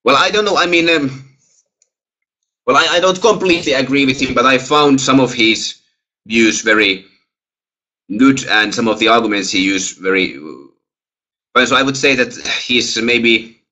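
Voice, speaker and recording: A young Finnish-accented man, a guest lecturer, fields webinar questions on a video call through a headset. His voice sits at medium pitch with a sharp tone, moving at normal speed but broken by long pauses. He sounds hesitant, full of fillers and restarts.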